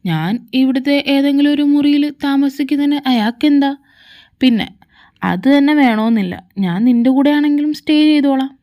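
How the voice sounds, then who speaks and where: A cheeky, whiny young man pleads to be allowed to stay, voiced by a woman. The voice sits fairly high with a mellow, soft tone. This is a homemade fan audio drama. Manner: whiny and begging.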